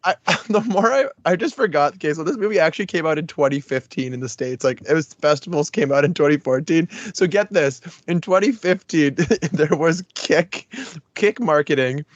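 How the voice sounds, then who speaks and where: Excitable man on a muffled podcast mic. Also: a little high, normal speed, no room sound. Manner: excitable, laughs between thoughts, drifts off mid-sentence. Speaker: podcast co-host. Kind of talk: casual chat. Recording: dull, dry podcast mic.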